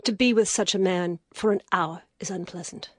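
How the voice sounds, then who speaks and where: A woman voicing a weary, proud young noblewoman in an audiobook, speaking in a hushed, whispery way. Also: medium pitch, moderate pace, no room sound, studio quality, voice pushed up. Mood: indignant. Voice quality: breathy, whispery. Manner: hushed and tired, rising to bitter outrage. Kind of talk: audiobook character voice.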